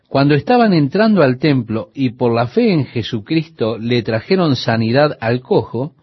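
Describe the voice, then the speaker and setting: A man's voice: mid-range voice, breathy edge, no echo. A man preaching a radio sermon, earnestly addressing the listener directly. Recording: dull, lo-fi dry recording.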